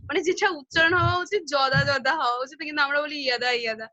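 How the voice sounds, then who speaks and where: A woman's voice: sits high, very fast, pushed and bright, no room sound. A teenage girl student asking her teacher a question in class, hesitant and full of fillers. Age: teens.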